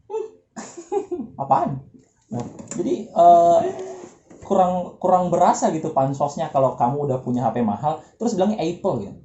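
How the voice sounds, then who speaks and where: Man teaching pronunciation, casual and joking, mellow voice, echoey room, dull sound. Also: on the high side, expressive, brisk, a little hiss or hum. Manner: joking, drills words for repetition.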